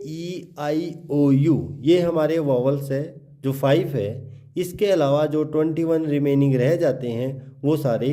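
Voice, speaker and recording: Man, slow teacher, mellow tone, spells out letters, repeats words. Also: a little high. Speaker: English pronunciation teacher. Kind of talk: classroom-style explanation.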